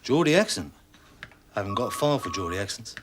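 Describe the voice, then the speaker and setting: An actor playing a police officer thinking aloud while searching records in a 1990s British drama. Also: male voice, lowish voice, sing-song, brisk, a little hiss or hum.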